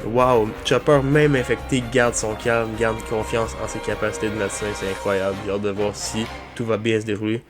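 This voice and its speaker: A man's voice: lowish voice, level tone, normal speed, few pauses, music in the background. A man, tired, reacting casually to a manga chapter and thinking aloud. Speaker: manga reviewer.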